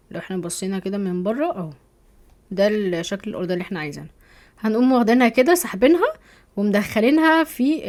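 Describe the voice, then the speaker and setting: An Egyptian woman teaching a software course over a screen recording, chatty, often checking in with her viewers. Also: fairly high pitch. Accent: Egyptian Arabic. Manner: chatty, keeps asking "تمام؟", thinks aloud while clicking.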